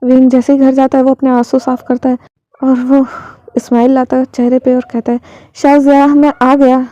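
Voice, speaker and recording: A woman reading a fan fiction story aloud in a plain, unhurried way. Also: high voice, completely flat delivery, dark tone, no echo, muffled recording.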